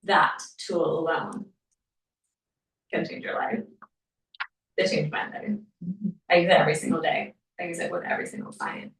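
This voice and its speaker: Woman, somatic workshop leader, gentle, trails into whispers, lowish voice, distant mic, echoey room. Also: fairly even intonation, moderate pace, long pauses. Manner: gentle, often drops to a soft whisper. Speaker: somatic practitioner leading a workshop. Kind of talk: workshop teaching and Q&A. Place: room at a wellness center with a live group.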